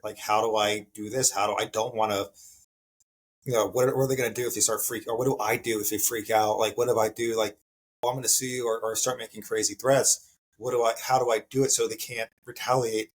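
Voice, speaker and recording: A man's voice: lowish voice, flat delivery, fairly quick, breathy edge, poor audio. A man hosting a casual interview podcast, talking conversationally, repeating himself and using many "like" fillers. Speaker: podcast host.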